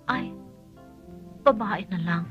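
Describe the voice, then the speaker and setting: A woman's voice: mid-range voice, takes it slowly, fairly bright tone, lo-fi sound, soft background music. An actress playing a mother in a film comedy who coaxes her son and plots behind his father's back. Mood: coaxing. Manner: coaxing, conspiratorial. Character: scheming indulgent mother.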